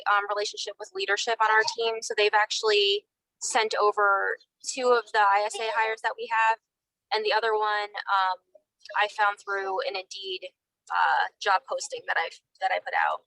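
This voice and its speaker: A woman speaking over a phone call from her car while driving, chatting informally with quick fillers. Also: medium pitch, vocal fry, bright, forceful tone, no room sound. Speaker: real estate team member on a group call. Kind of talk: casual group chat.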